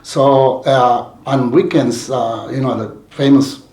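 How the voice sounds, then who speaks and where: A man's voice: medium pitch, steady tone, slow, darkish tone. A man from Mexico telling his life story in an interview, rambling with many restarts and fillers. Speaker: community leader guest. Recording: roomy echoey sound.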